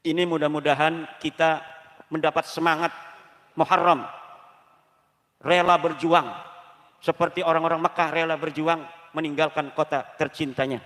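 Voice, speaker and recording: A man from Banten preaches with a fairly high voice, tossing question after question to the crowd. His sermon rings through a hall with a long reverb tail. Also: normal speed, long pauses. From Banten, Indonesia. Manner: lively, fires rhetorical questions at the audience. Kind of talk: sermon to a gathering. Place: Islamic boarding school gathering.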